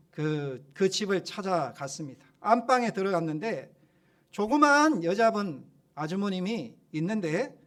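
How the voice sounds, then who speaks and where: A male pastor preaching a sermon, telling a story in an animated way. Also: high voice.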